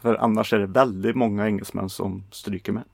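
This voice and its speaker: A man from Sweden talks films in a relaxed, halting way, stopping often for fillers. His voice sits at a middle pitch with a gravelly edge, and the recording sounds dry and close. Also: no room sound. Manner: relaxed, hesitant with many fillers. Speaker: podcast co-host. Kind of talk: casual film chat.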